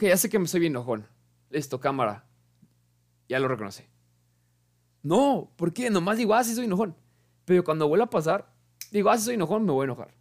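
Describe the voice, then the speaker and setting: A young man talks casually and with plenty of animation, stopping to correct himself and slipping into small acted-out exchanges. His voice sits a little higher than most men's. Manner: animated, self-correcting, acts out little dialogues. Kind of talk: casual spoken explainer.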